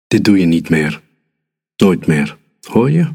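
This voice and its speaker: A man's voice: low-pitched, big pitch swings, slow, gravelly, a little mellow, breathy edge, big-room sound, heavily acted. A man voicing a stern, angry mother in a storybook reading.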